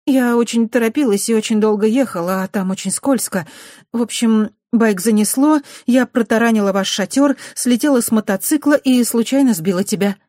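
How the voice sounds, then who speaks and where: A reader voicing a flustered young woman biker who talks in a hurried, embarrassed way. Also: no room sound, clean studio sound, natural voice. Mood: sheepish. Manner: embarrassed, hurried, high and bright.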